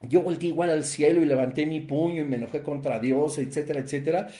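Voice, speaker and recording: Mellow-voiced man preaching emphatically, roomy echo. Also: fairly high pitch, fast talker. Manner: emphatic, repeats phrases for stress. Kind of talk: sermon-style Bible teaching.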